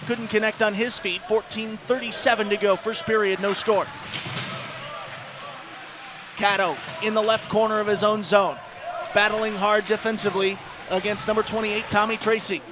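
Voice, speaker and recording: A man calls live ice hockey play-by-play on the radio, excitable and ready to raise his voice on scoring chances. His voice is high and his pace normal, with background noise present.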